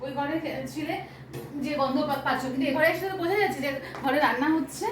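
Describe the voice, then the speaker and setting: Vlogger wife, West Bengal accent, very high and quick, roomy distant kitchen sound. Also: female voice, a crowd in the background. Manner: rapid complaining talk with many fillers. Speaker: vlogger and homemaker. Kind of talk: casual domestic argument. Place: home kitchen.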